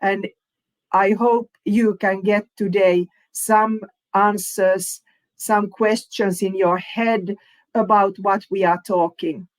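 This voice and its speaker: Finnish woman, webinar moderator, slow and halting delivery, mid-pitched voice, video-call audio. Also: steady tone, low-quality recording. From Finland. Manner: hesitant, many fillers, non-native phrasing. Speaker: panel moderator. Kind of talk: online panel webinar.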